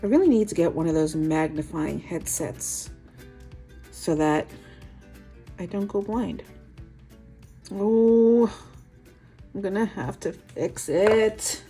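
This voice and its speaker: A woman's voice: sits low, animated, a little slow, pauses often, warm tone, faint music behind. A woman with a New York accent hosting a nail art tutorial, talking through each step with chatty, self-deprecating asides.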